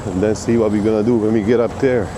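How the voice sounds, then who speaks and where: Holding a camera, a trucker from Bosnia and Herzegovina chats casually and crudely, full of slang, while moving between the outdoor truck stop and its shower room. He talks fast in a low, steady voice, with background noise around him.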